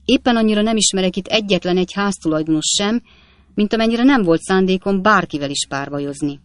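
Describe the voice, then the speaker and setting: A woman voicing an earnest, principled older gentleman who speaks formally and with emphasis in a storybook reading. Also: medium pitch, no echo, studio quality, close to an everyday voice. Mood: indignant.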